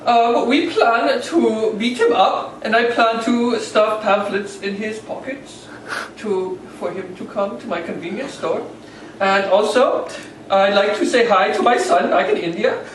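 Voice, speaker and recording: A man plays a deadpan Indian wrestler giving a comedic promo. His voice is high and hesitant, heard from off-mic in a very echoey room. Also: measured pace. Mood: deadpan threat. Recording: very echoey, distant, hissy room recording.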